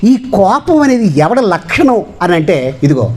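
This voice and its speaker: A man's voice: sits high, very animated, normal speed. A man preaching a sermon with a Telugu accent, emphatic and repetitive. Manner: emphatic preaching with repeated phrases. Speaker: pastor.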